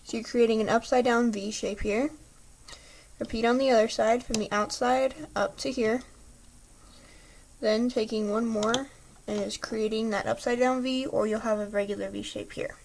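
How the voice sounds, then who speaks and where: A woman's voice: on the high side, fairly even intonation, normal speed, gravelly, darkish tone, a little hiss or hum. A woman patiently talking through a step-by-step craft tutorial, chatty, with small slips, apologies and a slightly throaty voice.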